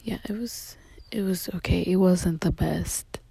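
Young woman, hushed breathy whisper, slow and rambling, mellow tone. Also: lowish voice. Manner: rambling, hushed, many fillers. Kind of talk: casual voice message to a friend. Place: closet at home at night.

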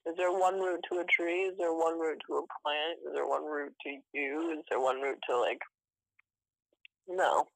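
A woman's voice: sits low, fairly even intonation, normal speed, gravelly, no echo, low-quality recording. A woman co-hosting a casual podcast remotely, giggly and chatty, eating while she talks. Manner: giggly, talks with her mouth full. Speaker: podcast co-host. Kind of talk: casual chat.

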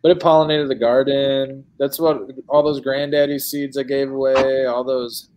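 A man's voice: mid-range voice, fairly even intonation, normal speed, noisy background. A man with a Midwestern American accent talks loosely in a casual podcast chat, trailing off and restarting as he goes. His voice sits in an ordinary middle register, and he keeps dropping dude and man into his sentences. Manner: rambling, filler-heavy, calls people dude and man.

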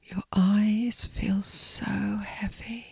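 Very slow whispering woman, sleep story narrator. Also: medium pitch, fairly even intonation, dry recording. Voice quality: breathy whisper. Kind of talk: whispered guided sleep meditation, scripted narration.

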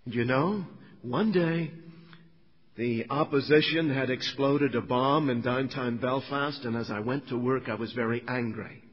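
A man's voice: mid-range voice, unhurried, husky, in a large hall, lo-fi sound. A middle-aged man, preaching a sermon and telling his own story to the congregation with earnest asides. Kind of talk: sermon testimony.

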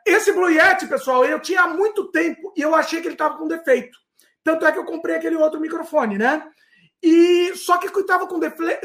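A man hosting a casual podcast, telling stories in an animated way with frequent restarts. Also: extremely high pitch. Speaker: podcast host.

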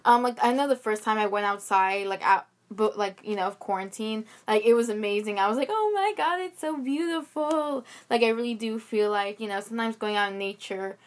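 A woman's voice: medium pitch, flat delivery, a little fast, few pauses. A young woman chatting casually, rambling with lots of fillers and restarts as she co-hosts. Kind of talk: casual chat.

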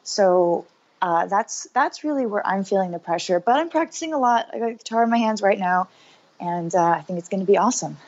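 Guest musician, woman, 30s, upbeat and talkative, mid-pitched, dull lo-fi sound. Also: animated, brisk, darkish tone. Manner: upbeat, chatty, many fillers. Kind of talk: casual interview chat.

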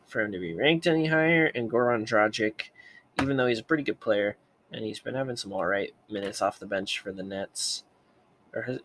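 A man's voice: mid-range voice, a bit bright, slight background noise. A young man hosting a sports video, commenting casually and thinking aloud, often correcting himself as he goes.

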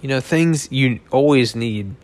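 A man's voice: medium pitch, measured pace, a little mellow. A man in his thirties, a little drunk, rambling through a loose, joking monologue full of swearing. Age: 30s. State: tipsy.

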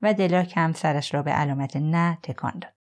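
A woman narrating an audiobook in a calm, measured storytelling manner. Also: low-pitched. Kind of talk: scripted narration.

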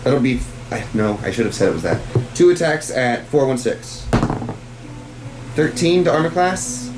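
A man's voice: medium pitch, animated, normal speed, background noise. A man acting as game master at a tabletop session, casual and salty-tongued, thinking aloud as he calls out rolls and results. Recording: echoey room with background music.

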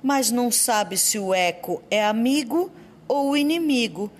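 A woman, a school library assistant, reading children's poems aloud in a storytelling way. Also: a little high. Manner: slow, lively storytelling reading.

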